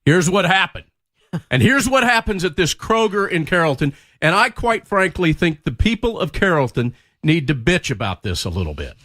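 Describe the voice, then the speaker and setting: A man's voice: sits high, big pitch swings, normal speed, fairly bright tone. A man co-hosting a radio show, complaining bluntly. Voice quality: blunt, ranting, politically incorrect cowboy. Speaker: radio co-host. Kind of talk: casual radio chat. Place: radio studio.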